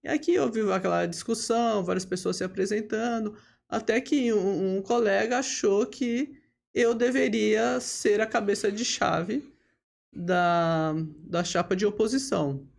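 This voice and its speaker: A woman, a lawyer telling her career story as a podcast guest, steady and full of tag questions and hesitation fillers. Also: mid-range voice, unhurried, creaky. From Brazil. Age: 50s. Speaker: lawyer and bar association leader, podcast guest. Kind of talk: relaxed interview storytelling.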